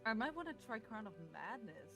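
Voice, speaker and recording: Tabletop player reading rules over clear music. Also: mid-range voice, big pitch swings, fairly quick. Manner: reads rules aloud, stumbling and self-correcting. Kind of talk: casual tabletop game chat.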